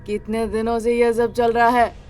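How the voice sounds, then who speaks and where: An actor voicing a cruel, drunken husband who threatens slowly and menacingly in a cartoon story. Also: mid-range voice, level tone, darkish tone, faint music behind, natural voice. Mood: suspicious. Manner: slow, menacing.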